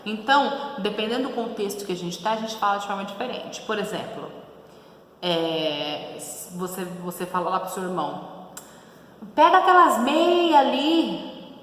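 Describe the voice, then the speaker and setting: A woman's voice: medium pitch, steady tone, moderate pace. A woman teacher with a São Paulo accent giving a class, asking questions and answering them herself, checking in often. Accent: São Paulo Brazilian Portuguese. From São Paulo, Brazil. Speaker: schoolteacher. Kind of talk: recorded class lesson. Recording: very echoey roomy recording with faint noise.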